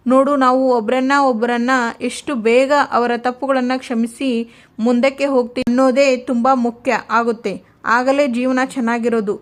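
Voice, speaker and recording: A gentle, wise mother, read by a woman in a high, clear voice, calmly counselling her grown daughter. The tone is patient and steady, like a storybook parent giving advice. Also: close to an everyday voice.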